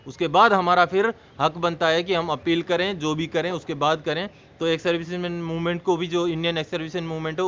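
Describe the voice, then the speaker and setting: A man's voice: high voice, a bit bright. A man hosting his own video channel, earnestly explaining an issue and addressing viewers as friends. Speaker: YouTube channel host. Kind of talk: informational vlog address. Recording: slightly dull sound with faint noise.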